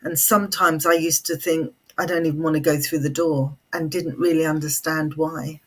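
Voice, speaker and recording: A middle-aged British woman telling a personal ghost story in conversation, fireside storytelling with deliberate pauses and repeated phrases. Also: deep voice, fairly even intonation, fairly bright tone, husky. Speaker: guest, psychic storyteller and Feng Shui consultant.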